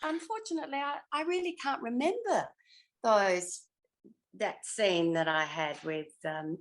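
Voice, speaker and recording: An older woman who was once a television actress reminisces effusively in an interview. She often pauses to search her memory. Her voice is medium-pitched.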